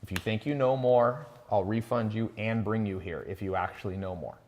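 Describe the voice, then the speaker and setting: A chatty man with a fairly low voice hosts a live online pitch, talking loosely and bragging a little as he greets viewers by name. His voice hangs in a long reverb. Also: normal speed, darkish tone, slight background noise. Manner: chatty, boastful, reads out viewer names. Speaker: host of a live online sales talk. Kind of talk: casual live-stream pitch.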